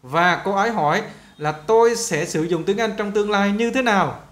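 A man's voice: high-pitched, normal speed, fairly bright tone. A man teaching an English textbook lesson, explaining it in a talky way that often restarts and repeats phrases. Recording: roomy echo.

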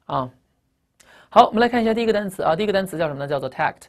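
A woman's voice: mid-range voice, expressive, racing. A woman with Chinese as her first language teaching English vocabulary in a recorded lecture, emphatic, asking rhetorical questions and spelling out word roots.

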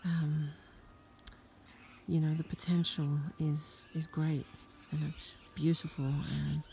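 A woman whispering a soft, awed nature ASMR vlog outdoors on her farm at dusk, recorded on a handheld phone. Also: low-pitched, level tone, slow pace, creaky, slight background noise. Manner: soft, hushed, reflective and awed. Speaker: farm vlogger.

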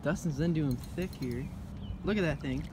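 A teenage man fishing at a riverside, chatting excitedly and cheering on his friend while filming. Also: a little high, moderate pace. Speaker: angler filming. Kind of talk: casual chat while fishing. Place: outdoor riverside walkway. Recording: outdoor wind and water noise.

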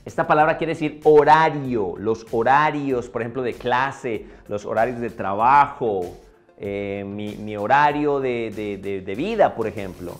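A man teaching English pronunciation, repeating each word slowly in drills. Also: mid-range voice, faint music behind. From Colombia. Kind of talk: pronunciation lesson.

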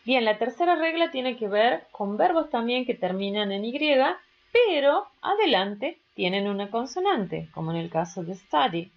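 A woman's voice: fairly high pitch, big pitch swings, vocal fry, dull audio. A woman teaching an English grammar lesson, explaining rules step by step and checking in with students. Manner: slow, patient explaining with rising questions to students.

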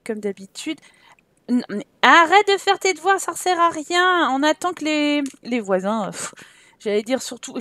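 Young female let's-play host, bright high pitch, dry booth sound, playful running commentary. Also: dry recording. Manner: chatty, teasing her characters with exclamations. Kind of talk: casual gameplay commentary.

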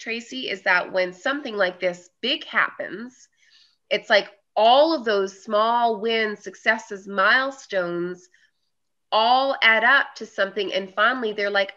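Bright-voiced woman host, lo-fi. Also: medium pitch. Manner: warm, affirming, emphatic repetition. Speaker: podcast host. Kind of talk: casual interview chat. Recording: dull lo-fi audio.

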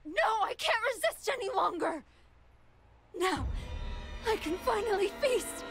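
A woman playing an unstable, ravenous, disdainful female android in an anime game, with theatrical, drawn-out delivery. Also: very high voice, very animated, fairly bright tone, soft background music, heavily acted. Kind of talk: anime game dub acting.

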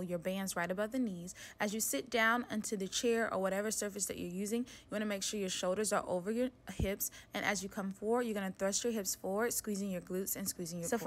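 Young woman, fitness instructor, upbeat, encouraging, clear coaching cues, mid-range voice. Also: medium pitch. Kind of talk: workout instruction.

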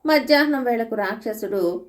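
A woman's voice: on the high side, expressive, normal speed. Woman telling folk tales aloud. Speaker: storyteller. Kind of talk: audiobook folk tale narration.

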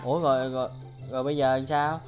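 A man's voice: mid-range voice, little pitch movement, quick pace, faint music behind. Indignant young Southern Vietnamese man. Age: young adult. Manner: accusing, indignant, repetitive retorts. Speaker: gaming YouTuber. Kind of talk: heated in-game voice chat argument.

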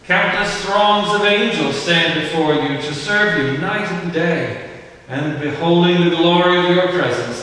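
A man leading a church service as priest, reciting a formal liturgical prayer in a measured, solemn way, with a cathedral echo around his voice. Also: a little high, fairly bright tone. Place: large church. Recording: echoey church from far off, faint hiss.

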